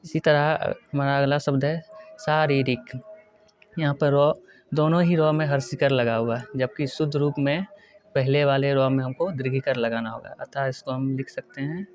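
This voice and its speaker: A male teacher giving a spelling lesson, working through words one by one and repeating each correct form slowly. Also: medium pitch, darkish tone. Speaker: Hindi grammar teacher. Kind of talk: exam-prep lesson.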